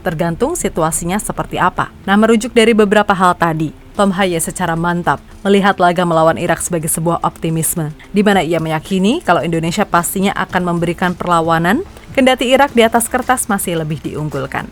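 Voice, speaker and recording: Woman reading soccer news, casual opinionated asides, faint music behind. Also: lowish voice. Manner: opinionated, chatty. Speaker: football news narrator. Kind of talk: scripted narration with casual asides.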